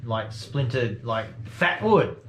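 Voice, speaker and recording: Relaxed man running a game. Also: mid-range voice, takes it slowly. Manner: relaxed, chatty, laughs often. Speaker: game master. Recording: echoey room with faint noise.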